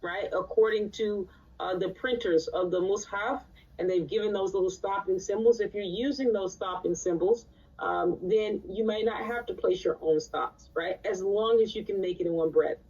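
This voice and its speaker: A woman's voice: medium pitch, moderate pace, darkish tone, slightly rough. A woman teaching a live recitation class in a conversational way, often checking in with her students. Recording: distant, dull lo-fi sound.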